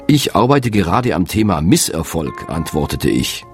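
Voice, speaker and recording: A man's voice: sits low, sing-song, moderate pace, soft background music. A middle-aged man, an author, narrating in a candid, reflective and self-deprecating way. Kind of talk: scripted narration.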